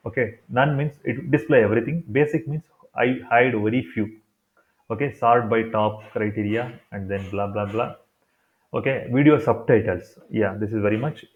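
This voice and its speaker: A man with a Kannada accent in Indian English explains steps in an improvised, repetitive way, as in an unscripted screen tutorial. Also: fairly low pitch. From Karnataka, India. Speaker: tutorial presenter. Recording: thin, phone-like narrow-band sound.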